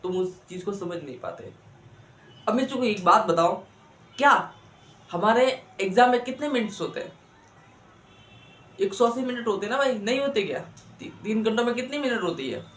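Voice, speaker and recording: A man's voice: high voice, lively intonation, moderate pace, pauses often, a bit bright, roomy sound. A man giving students exam study advice, asking rhetorical questions and coaxing them. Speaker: exam coach.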